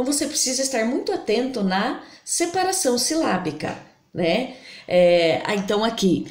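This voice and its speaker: A woman teaching a grammar lesson, slowly spelling out example words syllable by syllable. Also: mid-range voice, a little mellow. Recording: roomy echo.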